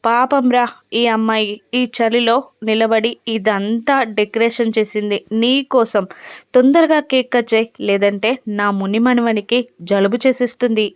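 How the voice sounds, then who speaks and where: An old grandmother fusses and scolds with affection, as a woman narrator reads her lines. The voice is fairly high. It is recorded close and dry. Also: fairly even intonation, a little slow, clear, resonant tone, dry recording, lightly acted. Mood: fond scolding. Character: old grandmother, fussing and caring.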